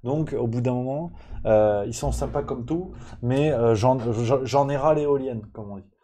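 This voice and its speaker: A man's voice: medium pitch, normal speed, dark tone. A man hosting a live press review, ranting in a casual, sarcastic way with many fillers and restarts, plainly annoyed. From France.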